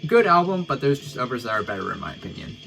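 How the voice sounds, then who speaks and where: A man's voice: mid-range voice, big pitch swings, fast talker, creaky, fairly bright tone, faint music behind, low-quality recording. Laid-back rambling man reviewing albums. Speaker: music reviewer. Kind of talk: casual album ranking vlog.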